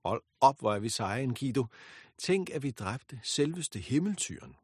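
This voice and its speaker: A man's voice: mid-range voice, very animated, breathy edge, dry recording, studio quality. A man voicing a proud, boastful young hero king with a confident manner.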